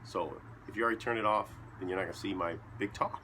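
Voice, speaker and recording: A man with a fairly low, bright-edged voice rambles casually in deadpan fashion, tossing in joking asides. He chews as he talks from his basement, with a faint hum of ambience behind him. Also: quick pace. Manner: talks while chewing. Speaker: vlogger. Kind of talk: casual rambling monologue to camera.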